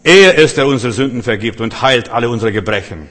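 Husky preacher in a reverberant hall. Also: male voice, medium pitch, lively intonation, a little fast. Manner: emphatic, swings between loud declarations and hushed lines; addresses listeners directly and intimately. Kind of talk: sermon.

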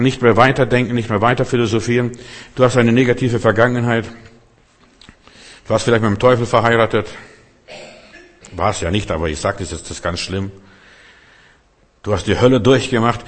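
A man's voice: on the low side, steady tone, brisk, long pauses. A man preaching a sermon, emphatic and direct, who keeps turning to his listeners with repeated questions and short punchy phrases. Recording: long hall reverb.

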